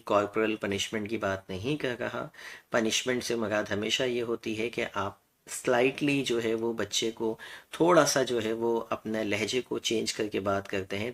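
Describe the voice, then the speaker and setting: A man's voice: mid-range voice, gravelly, a bit bright. A man with a Pakistani Urdu accent giving a parenting advice lecture, explaining step by step in numbered points and mixing in English words.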